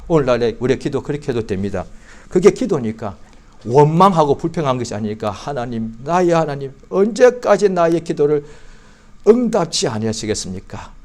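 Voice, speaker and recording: A male pastor preaching a sermon in a church, acting out psalm prayers with mounting fervor and at times shouting. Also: medium pitch. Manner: acts out psalm prayers in an impassioned voice.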